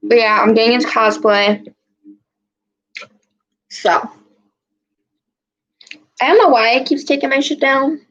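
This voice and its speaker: Casual livestreamer, female, young, higher voice, talking through chewing gum, slightly dull lo-fi audio. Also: a little slow, pauses often, fairly bright tone. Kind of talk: casual rambling chat to viewers.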